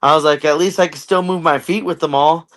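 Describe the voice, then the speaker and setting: A man's voice: a little high, fairly even intonation, a little fast, a bit bright. Chatty American man telling his story. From United States. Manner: conversational, jokey, filler-heavy storytelling. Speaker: podcast guest, army veteran. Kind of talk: casual storytelling interview.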